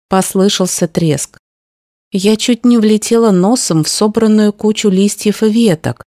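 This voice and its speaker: A woman reading a first-person story aloud in a steady, even narration style. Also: mid-range voice, no room sound, studio quality. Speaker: audiobook narrator.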